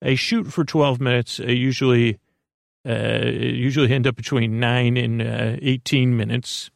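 A man with a creaky, mid-range voice hosts a bedtime podcast, delivering a lulling, soothing monologue that meanders and halts, with a self-deprecating touch. His tone is steady, and the studio recording is clean and dry.

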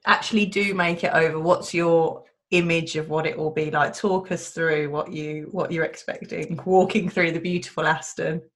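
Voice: medium pitch, fairly even intonation, normal speed, few pauses. A podcast co-host asking questions in a teasing, easygoing way. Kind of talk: casual interview chat.

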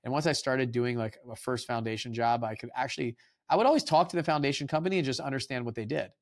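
A man hosting a podcast, talking in a relaxed, rambling way and acting out his conversations with tradesmen. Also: mid-range voice, fast. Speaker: podcast host. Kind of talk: casual interview chat.

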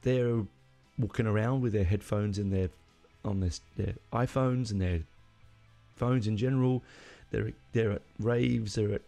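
A man's voice: fairly low pitch, steady tone, measured pace, gravelly, warm tone, faint music behind. A middle-aged man hosting a podcast, talking alone in a rambling, opinionated way and often correcting himself mid-sentence. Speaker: podcast host. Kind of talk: casual solo monologue.

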